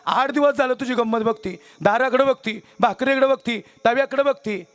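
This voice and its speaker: A man's voice: very high-pitched, moderate pace, fairly bright tone, no echo. A man voicing a village mother-in-law who is questioning but kindly, with a prodding tone.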